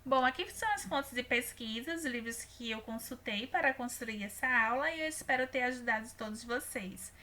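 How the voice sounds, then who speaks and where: A woman's voice: fairly high pitch, normal speed, hardly any pauses, bright, forceful tone. A woman teaching a grammar lesson patiently, often checking in with "né?". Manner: patient, tag questions "né?" and "tá?" often. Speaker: Portuguese teacher.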